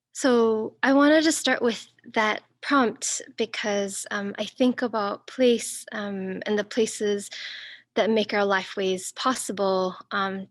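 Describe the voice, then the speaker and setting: This guest speaker, a woman with roots in Singapore and northern Thailand, delivers an academic talk via video call at a medium pitch. She thinks her way through it, with frequent pauses and restarts, and the audio is studio quality with no echo.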